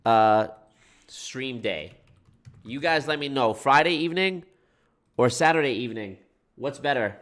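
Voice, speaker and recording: A streamer with a blocked, stuffed-up nose talks loosely with viewers, peppering his chat with swearing and a folksy "y'all." His congested voice is medium-pitched and fairly bright, a little slow, with long pauses.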